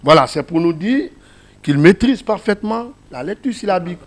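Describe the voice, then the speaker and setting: A man's voice: sits high, animated, moderate pace. A man with a Guinean French accent teaching a class, explaining a reading method step by step and asking his listeners questions.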